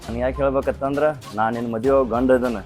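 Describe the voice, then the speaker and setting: Guy acting as a possessive bossy fiancé, north karnataka kannada accent, quick talker, faint music behind. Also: medium pitch, little pitch movement, a little mellow, close to an everyday voice. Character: possessive young man, her husband-to-be. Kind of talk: short film acting.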